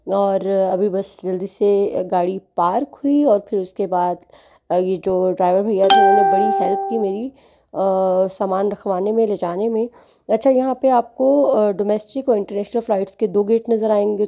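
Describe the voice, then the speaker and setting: A woman's voice: medium pitch, steady tone, normal speed, warm tone. A woman with a Pakistani accent narrates a casual travel vlog chattily, dropping English phrases into her speech. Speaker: travel vlogger.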